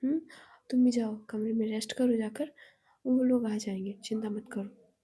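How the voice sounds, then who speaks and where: A woman voicing a gentle, indulgent grandmother who talks in a soft, coaxing, reassuring way. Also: a little high, fairly even intonation, normal speed, slightly rough, voice pushed down.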